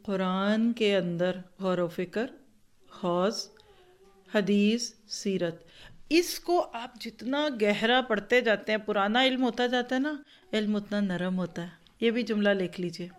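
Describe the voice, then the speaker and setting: An earnest woman teaches a religion class to women, in a medium-pitched voice. She is animated and instructive, and stops to act out tones of voice as examples. She speaks steadily so her students can take notes. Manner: earnest, instructive, repeats points for note-taking. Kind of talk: Islamic lecture to a class of women.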